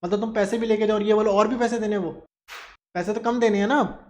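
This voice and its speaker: A man's voice: sits high, steady tone, fast talker. Guy teaching accounts, throws questions at the class then answers them himself. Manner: mixes Hindi with English terms. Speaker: commerce teacher. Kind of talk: classroom lecture.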